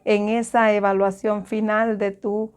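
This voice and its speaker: A woman teacher from Honduras giving a recorded lesson to students, explaining slowly and stopping to correct herself. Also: medium pitch, level tone, a little mellow, clean tone. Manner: slow, explanatory, repeats and self-corrects.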